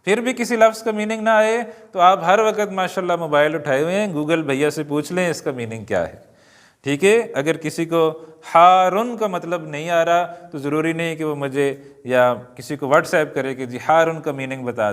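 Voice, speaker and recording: A man teaching an Arabic lesson, reading words slowly and adding joking asides to his students. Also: on the high side, clear, resonant tone. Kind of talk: classroom-style lesson. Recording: long hall reverb.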